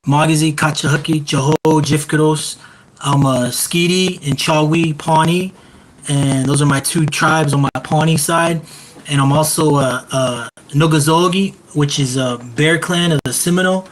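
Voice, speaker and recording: A man speaking as a hip-hop artist on a panel, earnest and measured, with a rhythmic, reflective delivery. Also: on the high side.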